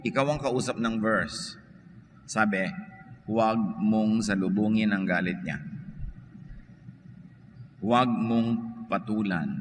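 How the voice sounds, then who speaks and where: A man with a Filipino accent preaching a sermon as pastor, slow and deliberate, drawing out key words and switching between Tagalog and English. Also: mid-range voice, pushed and bright. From Philippines. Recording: long reverb, faint background hiss.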